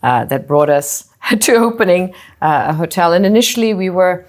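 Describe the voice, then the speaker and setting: A middle-aged Singaporean woman who co-founded a hotel group and serves as its CEO answers interview questions thoughtfully. She often pauses with "you know" and restarts her phrases, and her voice is expressive and on the low side.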